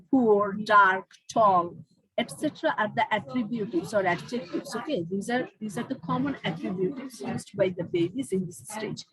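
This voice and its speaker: A woman's voice: a little high, rough recording. A woman teacher with a Bengali accent giving an online class to university students, switching between English and Bengali as she explains, while she has a headache.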